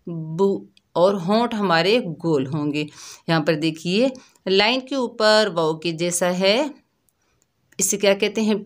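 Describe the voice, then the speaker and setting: Slow, patient woman teaching letter sounds. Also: on the low side. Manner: drawn-out syllable drills, spelling each letter then sounding it; patient, addresses listeners as dear children. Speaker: Quran reading teacher. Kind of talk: slow, careful recitation lesson for children.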